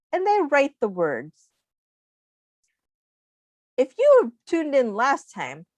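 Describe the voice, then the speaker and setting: A woman plays teacher while reading a children's book aloud, voicing it expressively and stopping to explain things simply and quiz her young audience. Her voice sits high, and there's no echo.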